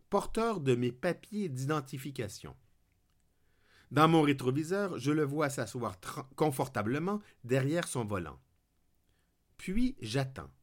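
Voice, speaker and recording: A man reading his own humorous anecdote in wry, ornate prose. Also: on the high side. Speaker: columnist narrating a personal anecdote. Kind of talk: scripted humorous narration.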